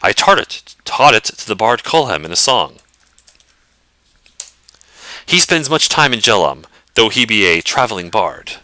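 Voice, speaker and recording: A raspy knight lord of a fantasy game, as a man reads him out. He speaks with formal, archaic courtesy. The voice is low and bright, recorded close and dry. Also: sing-song, a little slow, pauses often, no echo, heavily acted, rough recording. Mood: courteous. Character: muscular male knight, lord of a castle.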